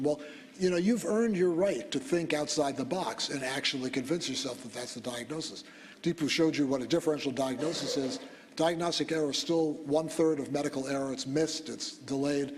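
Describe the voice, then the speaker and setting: Reverberant male lecturer in a hall. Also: medium pitch. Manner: conversational, digressive, with frequent fillers and self-corrections. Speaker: medical school lecturer. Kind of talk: classroom lecture. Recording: lecture hall with long reverb and faint noise.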